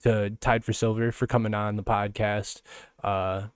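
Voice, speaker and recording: A man's voice: on the low side, level tone, unhurried, smooth, no room sound, clean studio sound. A man hosting a podcast, talking in a loose, rambling way with many fillers and restarts. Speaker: podcast host. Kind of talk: casual podcast monologue.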